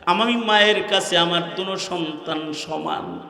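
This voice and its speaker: A man with a Bangladeshi Bengali accent preaching an Islamic sermon, chanting and rising into high shouted passages. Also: unhurried, gravelly, roomy sound, in a large hall, soft background music. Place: large outdoor religious gathering.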